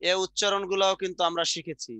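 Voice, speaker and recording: Middle-aged man, high voice, dry close sound, drills and repeats. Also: level tone, pushed and bright, no echo. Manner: repetitive, drills sounds out slowly, asks the class questions. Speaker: teacher. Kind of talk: online exam-prep grammar lesson.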